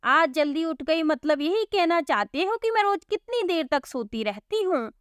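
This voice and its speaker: Brief: jealous proud sister, sharp-tongued and resentful, high, dry close voice, as a woman puts her on. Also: no room sound. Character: bitter, proud, jealous young village woman. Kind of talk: storybook cartoon voice acting.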